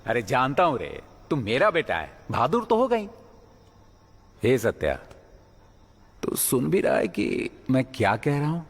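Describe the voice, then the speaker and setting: Brief: a stern dad, husky, animated delivery. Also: male voice, medium pitch, unhurried, long pauses, full character voice. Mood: gentle. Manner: barking orders, then gentle. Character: stern working-class father, gruff but caring. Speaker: dubbing actor. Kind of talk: dubbed film acting.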